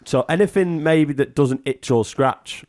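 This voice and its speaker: A man's voice: a little high, unhurried, darkish tone. A man on a comedy podcast, giggling and stumbling as he reads product labels aloud. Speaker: podcast co-host. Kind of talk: casual comedy podcast chat.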